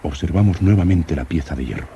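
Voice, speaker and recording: An actor playing an earnest, curious young explorer who narrates his expedition diary like an old radio serial announcer, in formal, measured diction. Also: rumbling low, highs cut off, noisy background. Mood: grave. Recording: old radio drama with music.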